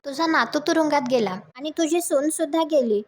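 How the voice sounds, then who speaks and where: A woman reading out the lines of a blunt older grandfather, in her own high voice. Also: moderate pace, darkish tone, natural voice.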